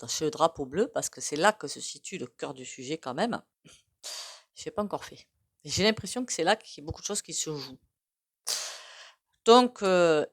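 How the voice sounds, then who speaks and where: A woman with a regional French accent talks through a tarot card reading in a loose, conversational way. Her voice sits a little low, and she hesitates often, wandering off into asides. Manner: rambling, hesitant, many fillers and asides. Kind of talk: casual tarot reading to camera.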